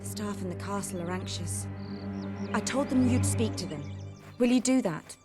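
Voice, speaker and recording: An actress playing a caring, worried young noblewoman in a video game, speaking in a gentle, intimate way. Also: medium pitch, moderate pace, natural voice. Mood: anxious. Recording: clear background music.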